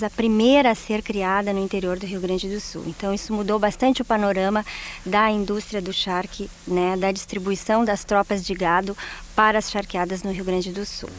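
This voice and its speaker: A woman with a Brazilian accent explaining history in an interview, informative and tagging sentences with questions. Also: medium pitch. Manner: informative, with tag questions and self-corrections. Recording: interview with clear music behind.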